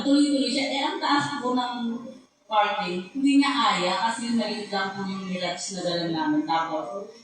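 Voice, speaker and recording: A woman telling a lively, laughing story as a church testimony, speaking politely. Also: medium pitch. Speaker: church member giving testimony. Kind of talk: testimony in worship service. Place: church hall. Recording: very echoey hall from far off.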